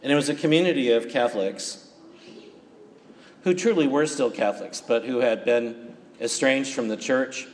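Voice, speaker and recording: Priest in cathedral echo. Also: male voice, mid-range voice, normal speed, long pauses. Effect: long cathedral-like church echo. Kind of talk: gospel reading and homily at Mass. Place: large church. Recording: reverberant church, faint background noise.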